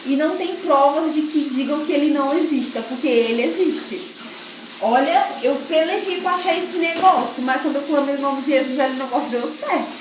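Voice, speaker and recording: A young Brazilian woman chatting casually to viewers while she washes dishes, rambling in a lively storytelling way. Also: high voice, normal speed, background noise. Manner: chatty and rambling, addresses viewers as "gente" and "menina". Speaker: vlogger. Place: home kitchen while washing dishes. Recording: echoey kitchen, clattering dishes and sizzling. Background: dishes clinking and frying.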